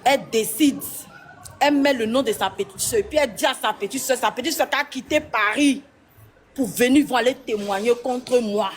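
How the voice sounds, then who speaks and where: A woman's voice: on the high side, normal speed, a little hiss or hum. A woman in an emotional live stream rant, agitated, talking over others and repeating herself.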